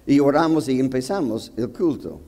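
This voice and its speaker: A man pastor preaching a sermon, telling a personal story with acted quotes and sudden loud bursts. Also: mid-range voice, moderate pace.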